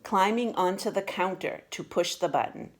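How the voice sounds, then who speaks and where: Reading a children's picture book aloud, a woman uses a mid-range voice. Her storytelling is expressive and deliberate.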